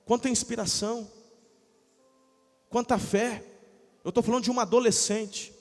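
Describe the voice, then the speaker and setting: High-voiced pastor preaching in a reverberant church. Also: male voice, normal speed, soft background music. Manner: animated preaching, swinging from soft asides to loud shouted peaks. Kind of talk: sermon. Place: church sanctuary. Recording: long church-hall reverb.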